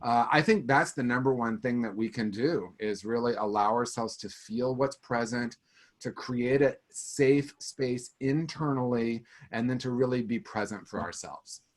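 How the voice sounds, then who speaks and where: Casting: man, mid-pitched, webinar panelist, earnest and reassuring. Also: unhurried. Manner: earnest, gently encouraging.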